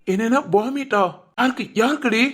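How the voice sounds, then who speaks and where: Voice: mid-range voice, moderate pace, natural voice. A voice actor playing an exasperated, put-upon single young man in a cartoon, grumbling and sarcastic. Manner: grumbling, sarcastic, mock-dramatic. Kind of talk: cartoon voice acting.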